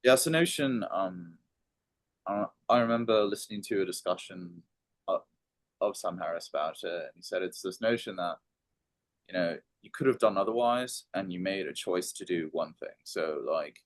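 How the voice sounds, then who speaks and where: A man's voice: low voice, expressive, normal speed, dry recording. A man talking through philosophy on a podcast in a casual, hesitant way, with many ums and restarted phrases. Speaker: podcast co-host.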